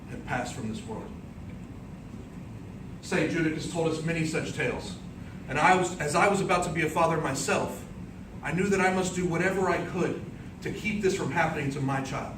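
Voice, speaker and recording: Delivering a contest speech in the style of an epic tale, a man with a fairly high voice uses theatrical, deliberate, declamatory phrasing. The distant microphone catches him in an echoing indoor room before an audience, with noticeable background noise.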